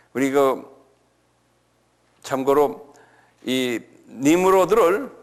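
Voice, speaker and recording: A middle-aged male pastor giving a Bible lecture, asking the listeners questions and answering them himself, repeating key words. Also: a little high. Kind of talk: sermon-style Bible lecture.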